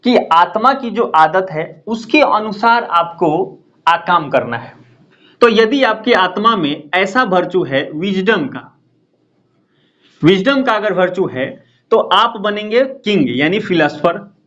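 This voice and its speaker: A man's voice: high-pitched, animated, takes it slowly, fairly bright tone, lo-fi sound. A man teaching an exam-prep lecture. He explains step by step, repeats key terms and keeps checking in with "है ना?".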